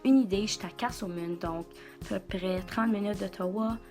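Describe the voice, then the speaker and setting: A woman's voice: medium pitch, moderate pace, darkish tone. Woman from Ontario, Franco-Ontarian French accent, casual and hesitant, music plain behind her. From Ontario, Canada.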